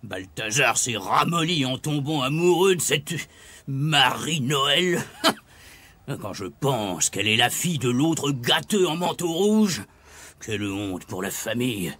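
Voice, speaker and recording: A man voicing a gruff, grumpy old grandfather bogeyman in a storybook reading, scolding and sneering. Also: medium pitch, big pitch swings, slow, pushed and bright, full character voice. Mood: grumbling.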